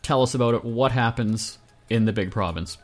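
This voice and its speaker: Male radio host, middle pitch, joking and teasing, faint music behind. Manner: joking, teasing, quick questions. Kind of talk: interview hosting.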